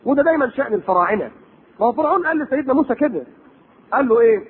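Delivering a religious lecture in an Egyptian accent, this preacher fires off rhetorical questions and sarcastic remarks at a rapid pace. His extremely high, expressive voice comes through a tinny lo-fi tape recording with slight background noise.

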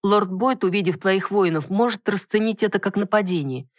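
A woman's voice: mid-range voice, moderate pace, dry recording, clean studio sound, pitched above the performer's own voice, lightly acted. A reader voicing a firm, earnest young noble lady in an audiobook. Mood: persuasive.

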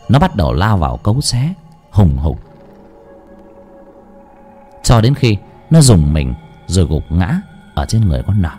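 A male storyteller narrates a rural ghost story with a dramatic, expressive delivery. His pitch climbs and falls a lot as he tells it, and faint music plays under his voice. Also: slightly rough.

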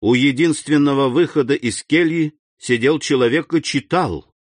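A man reading a novel aloud, expressive storytelling narration. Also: on the high side, moderate pace, dry recording. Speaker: audiobook reader. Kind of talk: scripted narration.

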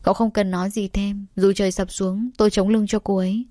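A devoted young man states his position tersely and firmly in a storybook reading, as the woman narrating acts him out. The voice is dry and close, with a middle pitch. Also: level tone, a little fast, warm tone, no echo, lightly acted. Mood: resolute.

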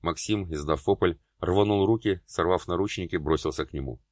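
Male audiobook narrator, very low voice, even scripted delivery. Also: moderate pace, dry recording, studio quality.

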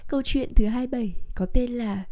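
Woman storyteller, higher voice, soft mellow tone, lively folk-tale reading. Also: moderate pace. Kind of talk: reading funny folk tales.

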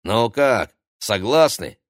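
A man's voice: medium pitch, lively intonation, slow, no room sound, clean studio sound, voice pushed up. A man voicing a brash, scheming female TV reporter who is pushy and domineering, in an audiobook. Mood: pushy, mocking. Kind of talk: audiobook character voice.

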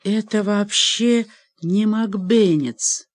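A woman's voice: medium pitch, slow pace, dry recording, clean studio sound, pitched above the performer's own voice. A woman reading aloud and voicing a frightened young woman who answers her father timidly and pleads with him.

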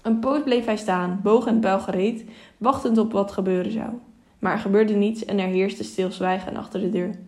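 A woman narrating an audiobook in a steady, measured reading voice, with small self-corrections. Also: medium pitch. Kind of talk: storybook narration.

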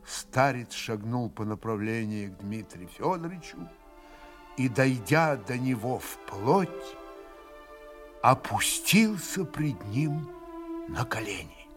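Male narrator for literary drama: expressive, theatrical, lively intonation, bright tone. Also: mid-range voice, takes it slowly, soft background music.

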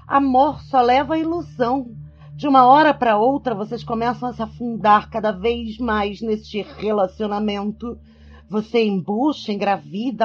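Haughty, high-voiced soap opera mother, acted by a woman. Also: breathy edge, lo-fi sound. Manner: haughty, scolding, melodramatic. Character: snobbish, controlling middle-aged rich mother. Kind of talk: radio soap opera acting.

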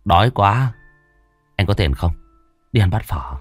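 A man's voice: low-pitched, big pitch swings, a little slow, breathy edge, no echo, faint music behind, heavily acted. A man voicing a sullen, idle younger son who mumbles his answers. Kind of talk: storytelling.

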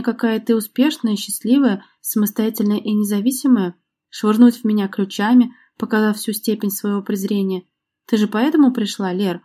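A bitter, jilted man hurls sarcastic accusations, as a woman reads him in an audiobook. The voice stays mellow and soft-edged even as he taunts and accuses. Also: mid-range voice, close to an everyday voice. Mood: mocking. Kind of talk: audiobook reading.

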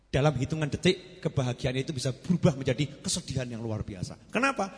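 Lively preacher man in a reverberant hall. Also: mid-range voice, fast. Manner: lively, sudden swings from loud to soft, rhetorical questions. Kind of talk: sermon. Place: large gathering hall. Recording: long reverb of a large hall.

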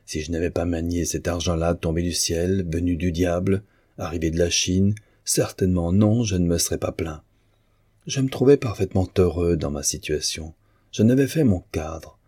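A man's voice: deep voice, moderate pace, mellow, breathy edge, no room sound, clean studio sound. A man voicing a bitter, mocking male painter in an audiobook of a novel. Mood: scornful. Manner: sneering, sarcastic.

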